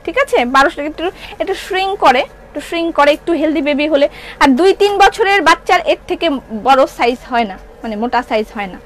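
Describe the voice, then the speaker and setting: A woman's voice: sits high, animated, quick pace, slight background noise, low-quality recording. A middle-aged woman with a Bangladeshi Bengali accent selling clothes on a live stream, chatting and answering viewer comments. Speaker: online shop seller. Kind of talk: live-stream product sale.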